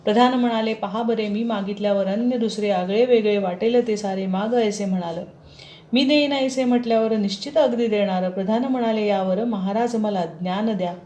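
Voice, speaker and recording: A woman reciting a devotional text in short verse lines with a steady chanting delivery. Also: medium pitch, moderate pace, roomy sound.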